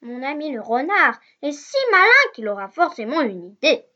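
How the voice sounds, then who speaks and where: A woman voicing a tiny, gentle Father Christmas, talking softly and plaintively. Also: sits high, very animated, exaggerated voice. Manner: soft, plaintive and slow. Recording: dull lo-fi recording.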